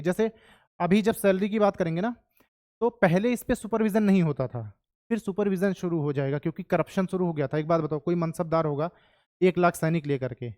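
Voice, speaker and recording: A man's voice: sits high, darkish tone. A man teaching history to a class of exam students, chatty and often checking that they follow.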